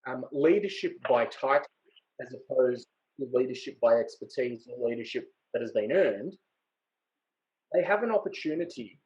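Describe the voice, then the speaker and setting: A man, making his case in a measured but emphatic way in a casual panel discussion. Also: mid-range voice, expressive, darkish tone, dull audio. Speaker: podcast panelist.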